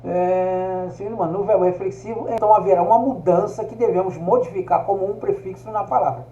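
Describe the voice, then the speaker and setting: A man's voice: sits high, steady tone, brisk, dark tone, slight background noise. A man giving a recorded video lesson, explaining step by step and often checking in with his listeners. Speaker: teacher. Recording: echoey room, dull lo-fi sound.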